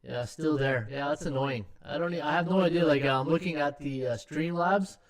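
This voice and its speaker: Greeting viewers by name and peppering his talk with "uh," a Canadian sports betting streamer keeps up a casual, chatty livestream. He speaks briskly in a fairly high voice, and his USB desktop mic sounds hollow and echoey, like he's in a tunnel.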